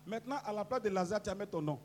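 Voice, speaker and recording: A man preaching as pastor, leading a congregation in call-and-response prayer, switching between quiet instructions and shouted declarations. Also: sits high, lively intonation, very fast. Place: church service. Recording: loud worship music underneath.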